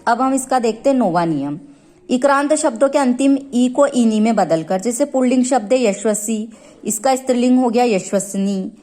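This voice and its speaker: A woman teacher with an Indian accent slowly explaining a grammar lesson from a textbook, stretching out the example words. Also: fairly high pitch, animated, warm tone. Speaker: school teacher.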